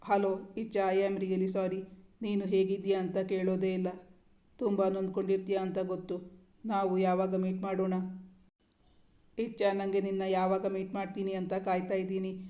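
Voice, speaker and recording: A woman voicing an anxious young man pleading with the girl he loves, in a flat, even storybook reading. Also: mid-range voice, moderate pace, natural voice. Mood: eager. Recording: roomy echo.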